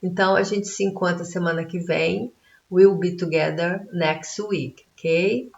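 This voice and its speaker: Lady teacher going thru a lesson slow and patient, echoey room, kinda muffled audio. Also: on the low side, steady tone, vocal fry, a little mellow. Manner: patient, explains step by step with frequent "né?" and "tá?". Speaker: English teacher. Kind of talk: classroom video lesson. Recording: roomy, dull lo-fi recording.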